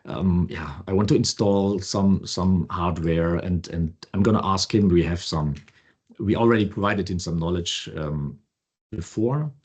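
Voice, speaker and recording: A man co-hosting a podcast, casually walking through a software demo with loose, restarting phrasing. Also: deep voice, a little slow, breathy edge. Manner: relaxed, loose, restarts often. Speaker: co-host.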